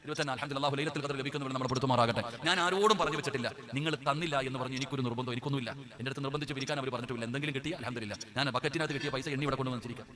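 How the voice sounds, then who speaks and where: A man's voice: mid-range voice, racing, few pauses. A man preaching an impassioned sermon to a live gathering, pleading with his listeners and addressing them as brothers and sisters. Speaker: Islamic preacher. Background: crowd of listeners.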